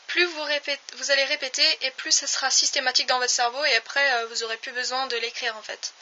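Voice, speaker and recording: Woman, online language teacher: high, bright voice, unhurried, careful repetition of each word, slightly dull lo-fi recording. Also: slight background noise.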